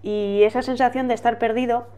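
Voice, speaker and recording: A woman's voice: on the high side, fairly even intonation, brisk, dark tone, clear, resonant tone. A woman with a Spain Spanish accent co-hosting a book channel, giving frank opinions and laughing easily. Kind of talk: book review chat.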